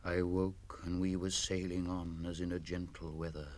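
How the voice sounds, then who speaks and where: A low-voiced British man, on a 1960s spoken-word record, recites dramatic verse as a haunted old mariner recounting his voyage, fearful and awestruck. His tone stays level and lightly acted, measured and intense, swinging from hushed to impassioned amid an air of hushed dread.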